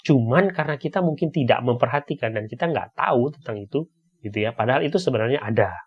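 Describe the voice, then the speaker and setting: Give me a man with an ordinary pitch giving a relaxed, chatty explanation, recorded a little muffled. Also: fast, breathy edge. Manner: conversational, frequent tag questions. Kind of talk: casual explanatory talk.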